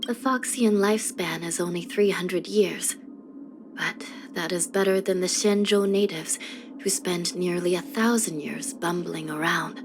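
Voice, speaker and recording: A lowish female voice delivers scripted lines as a weary young judge in a video game, solemn and reflective. The delivery is grave, formal, and measured, with background music running under her voice.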